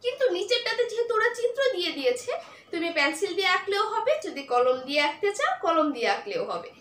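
High, lively woman teaching small children. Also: fast talker. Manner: asks questions and answers them herself, repetitive and patient. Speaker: primary school teacher. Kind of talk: online class lesson for young children. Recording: echoey room with faint noise.

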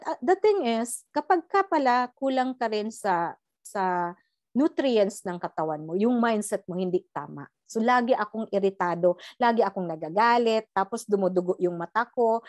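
A middle-aged woman from the Philippines giving a personal testimony in an animated storytelling manner, mixing in English and often tagging "no?". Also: on the high side, dry recording, studio quality. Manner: animated storytelling, Taglish, tag "no?". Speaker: guest sharing a life story.

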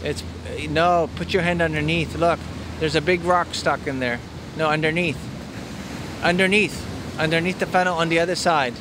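A man coaches a small child playing on a sandy lakeshore beach while filming on a handheld phone, patiently saying simple instructions over and over. He speaks in a steady tone at a moderate pace, his voice on the high side. Outdoor wind and waves can be heard.

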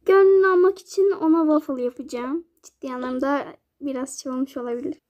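Very high-pitched female game narrator. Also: brisk, darkish tone. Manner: chatty, plays out scenes with dolls.

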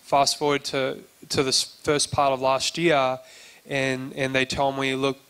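In a smooth, slightly bright mid-range voice, a man preaches a sermon that doubles as personal testimony. He speaks monotonously and without hurry, keeping it loose and conversational, acting out the dialogue he quotes and often restarting his sentences.

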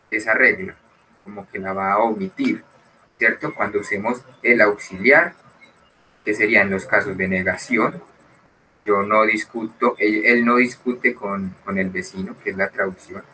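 Male teacher, bright lowish voice, slow and patient, mic a bit far off. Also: steady tone, a little hiss or hum. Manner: explains slowly, mixes Spanish and English, keeps asking "¿cierto?". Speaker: English teacher. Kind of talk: recorded online grammar lesson.

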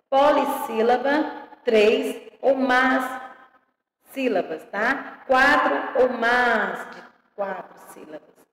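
A woman teaching young children an online grammar lesson, drawing out each word slowly and checking in with them affectionately. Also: sits high, slight background noise. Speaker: primary school teacher. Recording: echoey room with long reverb.

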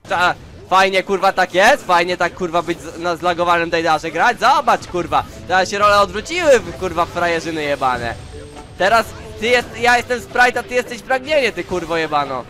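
Gaming host, man with a very high, tense voice, furious swearing rants over faint game music. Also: animated, moderate pace, pushed and bright. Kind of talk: gameplay commentary.

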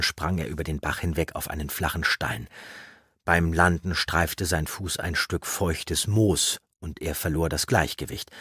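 A man narrating a fantasy audiobook in a measured, dramatic reading. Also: deep voice, fairly bright tone, slightly rough, no room sound, studio quality.

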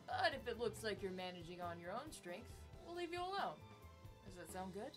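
A woman voicing a kindly, earnest fantasy game hero with a measured, courteous manner. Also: medium pitch, lively intonation, over music, natural voice. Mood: concerned. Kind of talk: hobby voice-over of video game dialogue.

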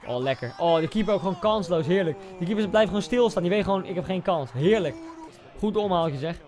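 A young man giving casual, excitable reaction commentary on football goals, swinging between loud outbursts and quiet muttering. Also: high voice, a little fast.

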